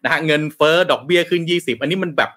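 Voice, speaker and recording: A man with a bright, forceful tone discusses current affairs on a talk show. He talks emphatically, restarting phrases and tagging sentences with particles. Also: fairly high pitch, racing.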